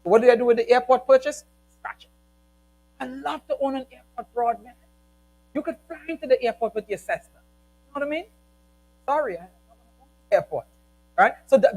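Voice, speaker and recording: A middle-aged man, a pastor, speaking emphatically and telling animated stories during a church panel discussion. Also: high-pitched, rough recording. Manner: energetic, emphatic, animated storytelling.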